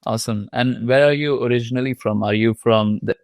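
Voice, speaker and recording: A man hosting a podcast interview, talking in a loose, halting way with many fillers. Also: mid-range voice, vocal fry, no room sound. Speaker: podcast host. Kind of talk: casual interview chat.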